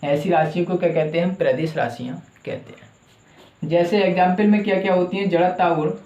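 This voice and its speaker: A man's voice: sits high, steady tone, fairly quick, warm tone, reverberant, lo-fi sound. A male teacher giving a classroom lecture who asks his own questions and answers them, repeating the key terms.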